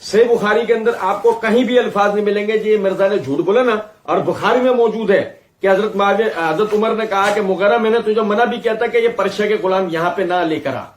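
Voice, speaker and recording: Male presenter, high voice, firm and pointed rebuttal that cites sources, recorded in a roomy space. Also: few pauses, slight background noise. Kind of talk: scripted religious rebuttal.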